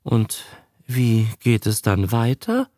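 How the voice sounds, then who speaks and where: A man's voice: medium pitch, big pitch swings, slow, warm tone, no room sound, clean studio sound, voice pushed up. A man doing a shy, hesitant young man. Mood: uneasy. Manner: hesitant, uneasy. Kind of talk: audiobook character voice.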